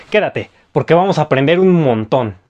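A man teaching English pronunciation in a video lesson, repeating words slowly and clearly. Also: fairly high pitch, muffled recording. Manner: lively, models words slowly and repeats them.

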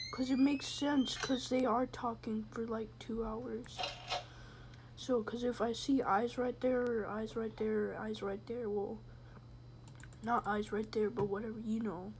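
A woman with a high voice doing let's-play commentary on a horror game, speaking slowly and unhurried. She jokes and rambles, sometimes dropping to a whisper, with faint noise in the background. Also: level tone. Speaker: gamer.

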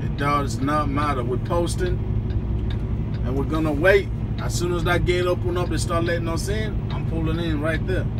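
A man's voice: on the high side, noisy background. A young man, vlogging casually from his parked truck cab on a phone camera, talking loosely and slangy straight to his viewers. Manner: loose, chatty, slangy, addresses the viewers directly. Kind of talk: casual vlog talk to camera. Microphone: phone camera at arm's length.

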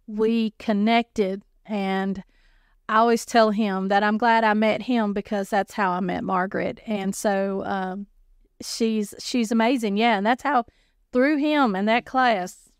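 A woman's voice: medium pitch, fairly even intonation, measured pace, clean tone, dry recording, clean studio sound. A woman who directs a community help center, telling stories in a playful, self-mocking way. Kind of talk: casual chat.

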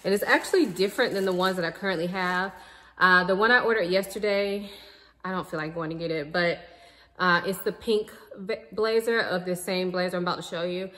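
A vlogger in her thirties sits at home in her living room facing the camera, chatting casually about her purchases in a haul vlog. She's relaxed and chatty, calling viewers "y'all." Her voice is on the low side and a little fast, sounding as though she's in a large hall.

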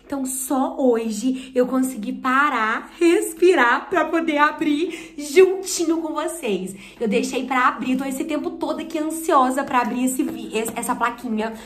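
A woman with a Brazilian Portuguese accent in an excited unboxing vlog, talking breathlessly and nervously, close to tears. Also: sits high, measured pace, few pauses. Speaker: YouTuber and performer. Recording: echoey room.

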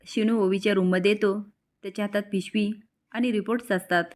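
A woman's voice: mid-range voice, fairly even intonation, fast. Woman narrating a serial recap. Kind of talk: storytelling recap.

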